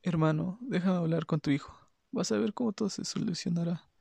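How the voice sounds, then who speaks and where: A calm, reassuring uncle offering to sort things out, read by a man. His voice is mellow and gravelly in a dry, close recording. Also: sits high, a little fast, no echo, exaggerated voice.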